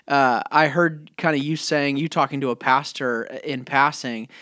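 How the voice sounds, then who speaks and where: A man co-hosting a casual podcast conversation, chatty and quick to agree with his guest. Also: medium pitch, steady tone, bright, forceful tone, dry recording, clean studio sound. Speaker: podcast co-host.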